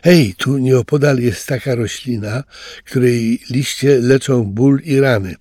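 Mężczyzna czytający bajkę podkłada głos ciekawskiemu, gadatliwemu młodemu ocelotowi. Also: male voice, medium pitch, unhurried, dry recording, studio quality, lightly acted. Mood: eager. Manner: lively, hesitant. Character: curious young male ocelot cub, chatty and naive. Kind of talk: storybook reading.

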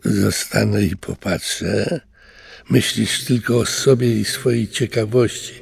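Mężczyzna czytający bajkę podkłada głos surowemu, pouczającemu duchowi wulkanu, mówiąc głośno. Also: male voice, fairly low pitch, fairly even intonation, measured pace, vocal fry, breathy edge, long reverb tail, full character voice. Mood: scolding. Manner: loud, lecturing. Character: booming male volcano spirit, stern and preachy. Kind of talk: storybook reading.

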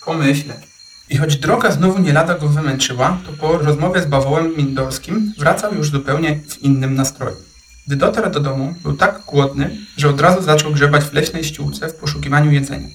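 A man reading a children's animal story aloud with gentle, expressive storytelling. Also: a little high, brisk, recorded from a distance, slight background noise. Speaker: narrator. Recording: echoey room, off-mic, faint ambience.

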